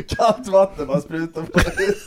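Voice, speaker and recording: Animated man telling crude stories. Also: sits high, a little hiss or hum. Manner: animated storytelling, acts out quotes, laughs often. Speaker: podcast co-host. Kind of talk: crude casual chat.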